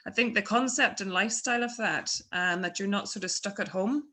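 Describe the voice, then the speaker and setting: A woman's voice: medium pitch, fairly quick, bright, forceful tone. A woman from Ireland, moderating a webinar panel in a chatty, conversational way. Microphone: video call.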